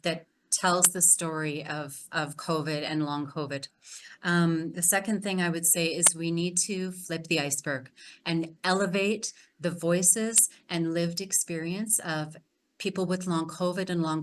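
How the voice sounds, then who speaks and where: A woman panelist speaks with earnest conviction in a slightly low voice. She advocates steadily in the measured delivery of panel remarks. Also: low-quality recording.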